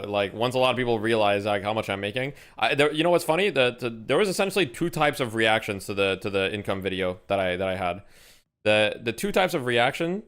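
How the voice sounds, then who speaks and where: Laid-back streamer, low voice. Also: male voice, fairly bright tone, clean tone. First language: French. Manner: laid-back and chatty, with many fillers and restarts. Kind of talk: casual live-stream chat, reading and answering viewer questions. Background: faint music.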